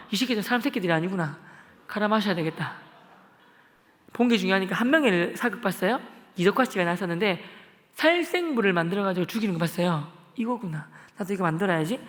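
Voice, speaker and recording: Fast, high-voiced animated man preaching. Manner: animated storytelling, acting out dialogue with shouts. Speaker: deacon giving a testimony. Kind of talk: evangelistic testimony sermon. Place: church sanctuary. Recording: long church-hall reverb.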